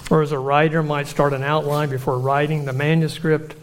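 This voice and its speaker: A preacher delivers a sermon in a slightly high voice with little pitch movement. He speaks earnestly and at a measured pace, drawing out lists of phrases for emphasis.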